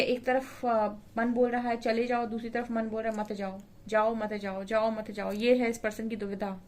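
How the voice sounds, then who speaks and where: A woman reads tarot cards for her viewers in an easy, conversational way. Her voice sits a little high and stays quite level, with little rise and fall. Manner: conversational, explaining card meanings to viewers. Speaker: tarot reader. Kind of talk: tarot reading monologue.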